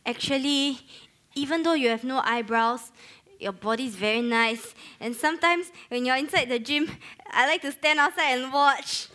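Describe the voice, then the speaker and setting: A woman's voice: sits high, normal speed, sharp tone, a little hiss or hum. A young woman, acting in a student play as a former mean girl who is now awkwardly and eagerly trying to be nice. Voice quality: awkward, overeager.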